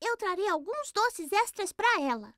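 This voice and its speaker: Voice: very high voice, big pitch swings, unhurried, bright, forceful tone, no echo, studio quality, full character voice. An actor voicing a curious, eager preschool boy in a cartoon, with a small childlike voice. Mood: mild, hesitant.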